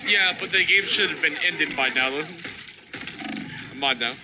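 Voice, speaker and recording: A man's voice: a little high, moderate pace, noisy background. A man with a Southern US accent, a streamer chatting casually and bluntly while he plays, swearing freely, with faint game music behind. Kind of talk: casual chat while gaming.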